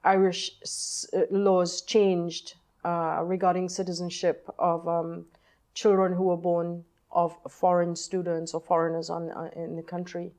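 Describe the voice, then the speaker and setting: A woman in her sixties from Trinidad, a novelist recounting personal stories in an interview, pausing often with ums and uhs. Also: lowish voice, little pitch movement, a little mellow. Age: 60s. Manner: hesitant, many ums and uhs, thoughtful. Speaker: novelist, guest. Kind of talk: reflective personal storytelling in interview.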